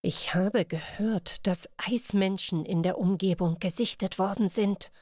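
A woman voicing a sly, smooth-talking male master thief who speaks low and conspiratorially in an audiobook. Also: animated, a little slow, no echo, clean studio sound, close to an everyday voice. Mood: sly, hushed. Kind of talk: audiobook character voice.

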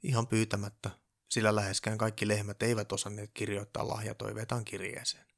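Low, gravelly male storyteller. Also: flat delivery. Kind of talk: storybook narration.

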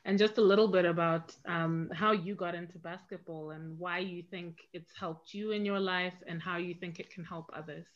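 A woman's voice: on the low side, steady tone, normal speed, hardly any pauses. A woman hosting an interview, asking long, chatty questions with fillers like "um" and "like.". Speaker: interview host. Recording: dull lo-fi audio.

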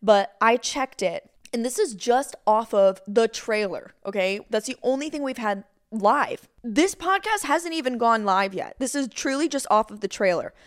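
Chatty woman with a higher voice. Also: normal speed, hardly any pauses. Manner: excitable, chatty, often says y'all. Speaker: podcast host. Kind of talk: casual faith podcast talk.

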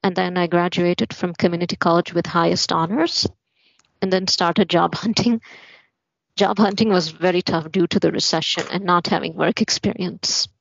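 Low-voiced woman from Malawi, muffled audio. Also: steady tone, normal speed, creaky, no room sound. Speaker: guest. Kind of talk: personal story in a podcast interview.

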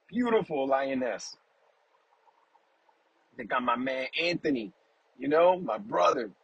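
Hosting a laid-back faith podcast, a man speaks in a fairly high, husky voice on a dry, rough recording. He wanders from point to point with affection, gets tender when family comes up, and often checks in with "you know what I'm saying?"

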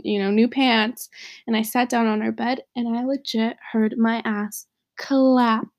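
Casting: young woman, slightly high voice, frank and jokey podcast host who laughs a lot. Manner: candid, joking, laughs often. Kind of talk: casual chat.

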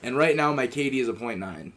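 A man's voice: mid-range voice, fast talker, background noise. A man in his early twenties in casual, slangy banter with friends, complaining with plenty of swearing. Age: early 20s. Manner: slangy, profane, animated complaining.

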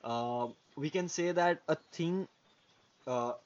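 A man's voice: on the high side, takes it slowly. A man co-hosting a podcast in a casual philosophical discussion, speaking hesitantly with frequent tag words like yeah and okay. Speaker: podcast co-host. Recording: muffled lo-fi audio with background noise.

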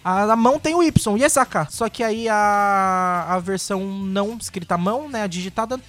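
A man's voice: high voice, moderate pace, a bit bright. A man in his twenties with a Brazilian Portuguese accent, co-hosting a podcast in casual, playful banter, exclaiming and teasing. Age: 20s. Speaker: podcast co-host.

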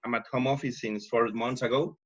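A man's voice: medium pitch, fairly even intonation, fairly quick, dull audio. A man hosting a casual podcast, speaking hesitantly with frequent restarts. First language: Spanish. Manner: hesitant, restarts often in English. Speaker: podcast host.

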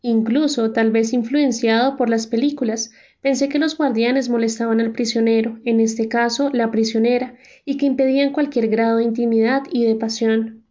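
A woman narrating a first-person audiobook in a measured, reflective way. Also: a little high, steady tone, dark tone. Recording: dull lo-fi recording.

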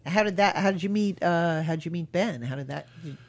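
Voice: medium pitch, fairly quick. An interviewer asking hesitant questions full of fillers and restarts.

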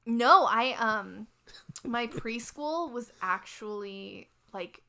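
A woman's voice: a little high, slow pace, creaky. A woman from Los Angeles with a Chicano American accent, chatting casually and animatedly with lots of "like". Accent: Chicano American English accent from Los Angeles. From Los Angeles, USA. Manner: animated, uses "like" very often. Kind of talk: casual chat.

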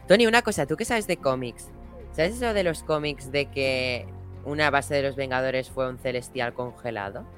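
A man's voice: medium pitch, moderate pace, a bit bright, faint music behind. A man, co-hosting a casual chat and speaking eagerly and enthusiastically.

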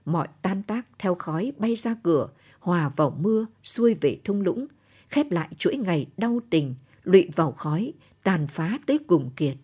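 A woman narrating a literary short story for radio in a measured, solemn reading. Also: lowish voice, sing-song, a little mellow, breathy edge.

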